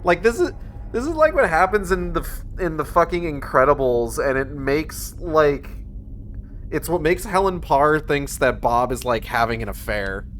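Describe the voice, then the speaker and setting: A man's voice: fairly high pitch, lively intonation, normal speed, fairly bright tone, slight background noise. A man giving sarcastic, sweary running commentary on a game. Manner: sardonic, sweary. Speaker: game streamer.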